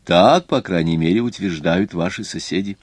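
A man's voice: sits low, normal speed, husky, dry recording. A man voicing an elderly lady passenger. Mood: reassuring. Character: elderly woman passenger, calm, reasoning.

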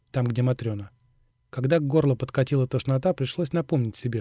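A man narrating an audiobook in a steady, even reading. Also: mid-range voice, dry recording, clean studio sound. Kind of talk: scripted narration.

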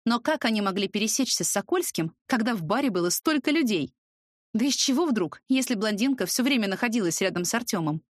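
A woman narrating a first-person audiobook in a lively, expressive way. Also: mid-range voice, fast talker, dry recording, studio quality.

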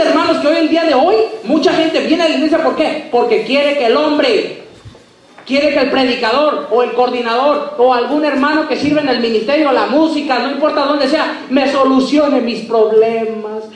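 A man's voice: very high-pitched, normal speed, recorded from a distance. Male preacher ringing through an echoey hall. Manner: swings between soft asides and loud emphatic preaching, asks the audience questions.

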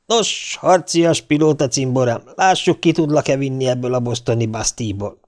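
A man's voice: mid-range voice, darkish tone, natural voice. A man voicing a sly, cigar-smoking male bail bondsman who mocks his client jovially. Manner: jovial, mocking.

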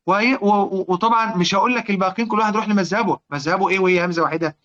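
A man with an Egyptian accent teaching Quranic recitation rules, often repeating points, checking on his listeners and chanting verse lines slowly. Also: high-pitched, bright, forceful tone, muffled recording. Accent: Egyptian Arabic. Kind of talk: explanatory lesson on Quranic reading rules.

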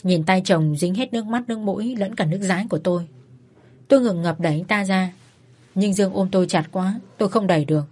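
A woman narrating a first-person story in a soft, reflective way. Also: medium pitch, fast talker, slightly rough. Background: faint music.

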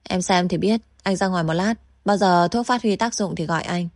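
A woman's voice: on the low side, a little fast, dry recording, studio quality, natural voice. A woman voicing a cold young man who speaks in a curt, offhand way.

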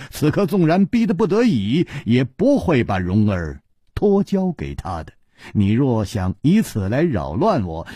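A man doing a calm gallant swordsman hero, wry and composed, husky and mellow, his voice swooping lively up and down. The teasing storybook lead sounds close and dry. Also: medium pitch, no room sound.

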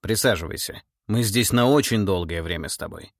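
A man's voice: sits low, no room sound, clean studio sound. A man voicing a cold, commanding tsar. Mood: stern. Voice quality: measured, menacing, authoritative. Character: stern, cold middle-aged tsar, commanding. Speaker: monarch interrogating a relative. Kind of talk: audiobook character voice.

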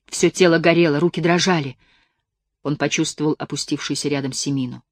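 A woman narrating a mystic story as an audiobook reader, with intense, hushed dramatic delivery. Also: low-pitched, fairly even intonation, brisk, dry recording, studio quality. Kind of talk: audiobook reading of a mystic tale.

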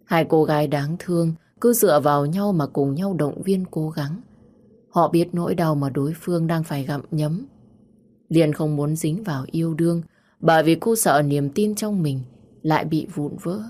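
A woman narrating a romance story in an even, storytelling manner. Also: low voice, normal speed. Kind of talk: scripted audiobook narration.

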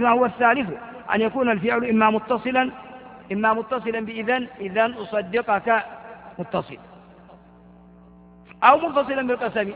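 A man's voice: sits high, creaky. An older man giving a classical grammar lecture, reading out a text and explaining it with repetitions and questions to his students. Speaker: teacher of Arabic grammar. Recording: phone-like lo-fi recording in a reverberant hall.

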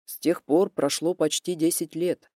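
A woman voicing a calm, blunt young man who speaks in a level, understated way. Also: sits low, normal speed, dry recording, studio quality, voice pushed down. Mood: quiet steady. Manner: level, even, understated delivery.

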